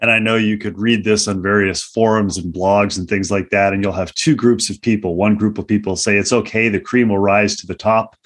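A man hosting a podcast, framing his questions to the guest at measured length. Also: fairly low pitch, steady tone. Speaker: podcast host. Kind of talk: interview questions.

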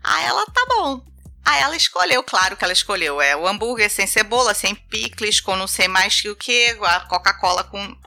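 A woman's voice: mid-range voice, normal speed, vocal fry. A Brazilian woman with a Brazilian Portuguese accent, telling funny travel stories in a casual chat, acting out the people she quotes. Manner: animated, acts out voices and laughs while telling stories. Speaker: guest.

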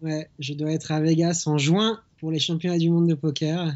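A man's voice: a little high, level tone, normal speed, darkish tone, dull audio. A man from France speaking as an interview guest over a remote call line, in an easygoing way with many hesitations. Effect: heard over a remote phone or internet call line. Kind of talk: casual interview chat. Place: small hotel in the mountains.

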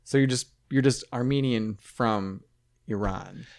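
A man who teaches math chats as a guest on a casual podcast. His voice is mid-pitched and ordinary, and he comes across friendly and curious, eager to ask questions. The talk is loose and conversational. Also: a little slow, vocal fry, a little mellow.

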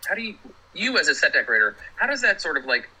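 A man, a production designer, chatting as a podcast guest and telling stories with animated energy. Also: fairly high pitch, fast talker, breathy edge, rough recording. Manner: animated storyteller, laughs while talking. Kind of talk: casual podcast chat.

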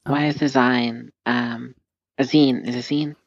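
A woman co-hosting a podcast, reading the show's opening and asking the guest halting, searching questions. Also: rumbling low, fairly even intonation, slightly rough, muffled recording. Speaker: podcast co-host.

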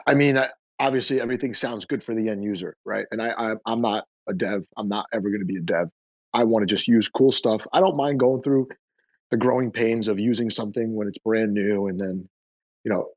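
A guest on a casual Twitter space, a man with a lowish voice often repeats himself and stumbles over words. The recording comes through a dull, dry lo-fi mic with no room sound.

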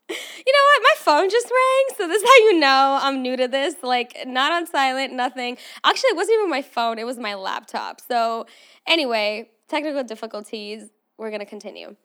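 A young woman in her twenties hosts her own podcast, talking casually and candidly straight to her listeners. Her voice sits a little high, and English is her third language after Armenian. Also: expressive, moderate pace, a bit bright. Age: 20s. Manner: chatty and candid, with asides to listeners. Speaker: podcast host. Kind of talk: casual solo podcast chat.

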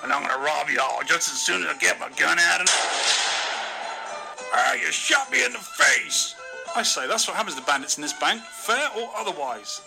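Man doing creaky cowboy voices in a fake old recording. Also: fairly high pitch, expressive, moderate pace, pitched above the performer's own voice. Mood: folksy. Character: Old West townsfolk and a male bandit in a mock old recording. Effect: staged old-time recording with music behind.

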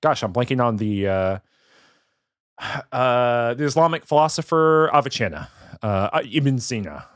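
A man co-hosting a podcast, chatting casually about a book, rambling with many fillers and quick laughs. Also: medium pitch, lively intonation, no echo, clean studio sound. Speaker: podcast co-host.

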